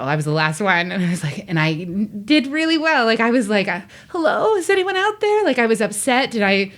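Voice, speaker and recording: A woman guest telling stories in a lively way and acting out the quotes she tells. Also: lowish voice. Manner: animated storytelling, acts out quotes. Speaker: guest, voice actor. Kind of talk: casual interview chat.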